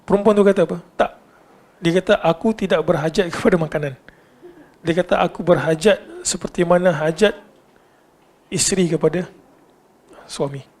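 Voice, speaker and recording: A male religious lecturer with a Malaysian Malay accent, speaking in a slightly raised register. He tells a story with animated delivery and often pauses to put questions to his listeners. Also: high voice.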